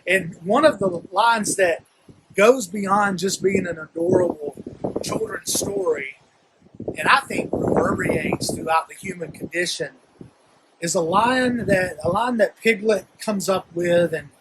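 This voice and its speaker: A man's voice: sits high, lively intonation, measured pace, creaky, background noise. A man with a Southern accent giving an earnest, reflective sermon as a guest minister, speaking to a camera. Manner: earnest, reflective, building to emphatic calls.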